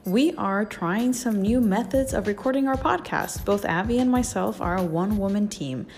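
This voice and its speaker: A woman's voice: medium pitch, moderate pace, a little mellow, soft background music. A woman hosting a podcast in a casual, enthusiastic way, with fuzzy, distorted home-recorded audio. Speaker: podcast host.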